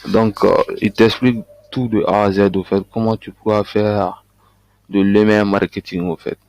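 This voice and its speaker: A man with a lowish, slightly mellow voice coaches on online business, walking through a screen-share tutorial. He speaks at a moderate pace in a level tone, hesitant and full of fillers and restarts. The recording is dry.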